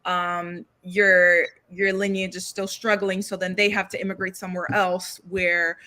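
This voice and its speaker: A woman's voice: lowish voice, level tone, unhurried, bright, forceful tone. A woman poet who grew up in New York, talking earnestly as a guest and thinking aloud with restarts and tag questions. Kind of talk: livestream book conversation.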